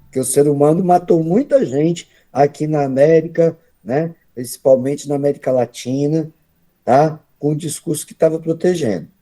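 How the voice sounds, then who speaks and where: A man's voice: a little high, normal speed, warm tone. A Brazilian man making remarks at a study meeting, talking casually with tag questions. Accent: Brazilian Portuguese. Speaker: study group participant.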